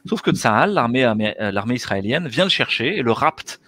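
Speaking a little fast in a sharp, very animated mid-range voice, this middle-aged guest talks earnestly and uses his hands as he explains his ideas. He's an anesthesiologist and author on an interview show, joining by video call on a headset mic from a small room, in an explanatory conversational manner.

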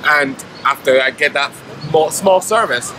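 A man in his thirties speaks with earnest insistence about his cause, his voice set a little high for a man. He is recorded outdoors on a city street, with clear traffic noise running under every word. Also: a little slow. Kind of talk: street interview. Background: traffic and city ambience.

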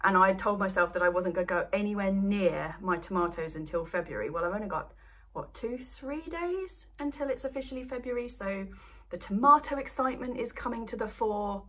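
A woman's voice: medium pitch, expressive, a little fast, a bit bright. A young Englishwoman chatting casually to camera at home about her allotment, rambling and laughing often. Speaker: allotment vlogger. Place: indoors at home by seedling light box.

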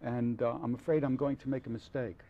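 On a dark TV studio set, an older man wearing a lapel mic hosts an interview, speaking hesitantly and admiringly with frequent fillers and restarts. His mid-range voice is level and dark in tone, and the recording sounds muffled.

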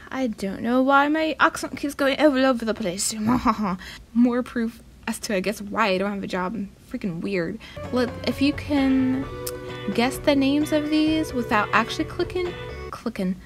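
Playful slow-talking young woman over music. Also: sits high, poor audio. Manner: playful, self-mocking, with hushed asides. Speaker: vlogger. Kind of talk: casual voice-over narration. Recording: voice over clear background music.

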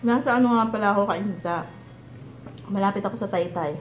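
A woman's voice: mid-range voice, fast, echoey room, slight background noise. A woman with a Filipino accent chatting casually between bites, her mouth full, rambling and trailing off into fillers. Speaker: mukbang vlogger. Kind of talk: casual chat while eating.

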